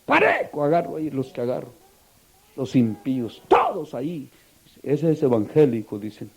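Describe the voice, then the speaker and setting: A man's voice: medium pitch, moderate pace, a little mellow, breathy edge. A man preaching a sermon, asking the congregation rhetorical questions and telling a story with passion.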